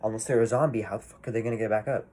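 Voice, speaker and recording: A man's voice: fairly low pitch, fairly even intonation, rapid-fire, darkish tone, a little hiss or hum. A man giving a casual movie review, rambling and swearing freely, full of fillers and restarts.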